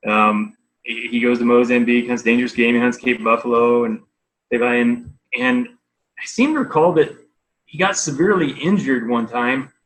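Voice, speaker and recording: A man's voice: medium pitch, animated, moderate pace, fairly bright tone, poor audio. A man chatting casually in a teasing way. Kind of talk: casual chat.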